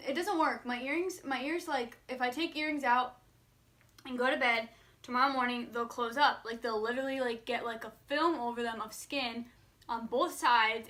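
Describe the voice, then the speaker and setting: A woman in her early twenties chats to her viewers in a vlog style. Her voice is bright and sits a little high. She is candid and very informal, leaning heavily on "like" as she thinks out loud. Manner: candid, informal, filler-heavy with frequent "like". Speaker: vlogger answering viewer questions. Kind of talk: casual chat to camera.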